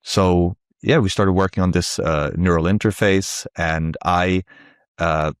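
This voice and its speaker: Heard here is a smooth, low-pitched male voice, steady in tone and unhurried. He is a middle-aged Swede, native in Swedish, who founded a tech company and reflects conversationally while explaining things as an interview guest. The studio-quality audio carries no echo.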